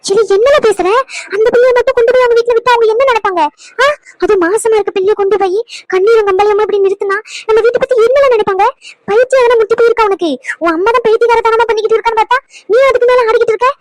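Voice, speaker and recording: A woman voicing a bossy old grandmother in a cartoon who scolds loudly and domineers. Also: very high-pitched, fairly even intonation, very fast. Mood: scolding.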